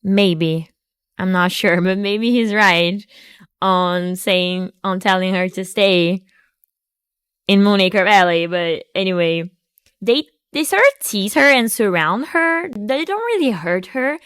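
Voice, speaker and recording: A woman's voice: medium pitch, expressive, slow, fairly bright tone, clear, resonant tone, dry recording, clean studio sound. A woman hosting a video, giving a casual recap of a film and book with joking asides and restarts. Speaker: video host.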